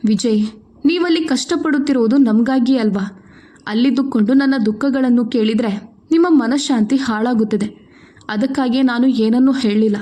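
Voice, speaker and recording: A woman's voice: a little high, normal speed, close to an everyday voice. Woman voicing a meek young wife. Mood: tender. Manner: soft, meek. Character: gentle young wife, meek and long-suffering.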